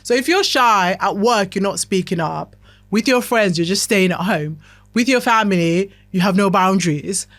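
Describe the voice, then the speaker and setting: A woman's voice: medium pitch, normal speed, fairly bright tone, no echo. A woman hosting a podcast, giving a motivational self-help talk in a chatty, talkative way that keeps checking in with the listener. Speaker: podcast host.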